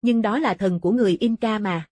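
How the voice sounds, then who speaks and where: A woman's voice: mid-range voice, brisk, darkish tone, no room sound, close to an everyday voice. A woman reading the lines of a curious male former lawyer turned explorer of ancient ruins, in a thoughtful, explaining manner. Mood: musing.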